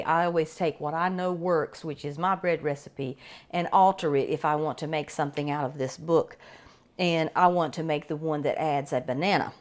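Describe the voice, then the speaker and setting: At home, a middle-aged woman with a fairly low voice casually demonstrates a bread machine recipe. She is chatty and rambling, often restarting her sentences.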